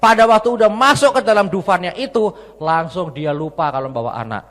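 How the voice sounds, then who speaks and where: A male preacher gives a sermon with a lively, storytelling manner. His voice sits fairly high, and the large church hall adds a long reverb behind him. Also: a little fast. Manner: lively storytelling, tag questions.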